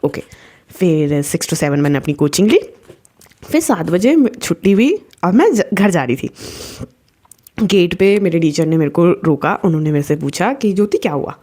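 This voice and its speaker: A young woman vlogger tells a personal story in a chatty, casual way, often restarting and sprinkling in English words. Her lowish voice is warm and animated, and she talks at a moderate pace.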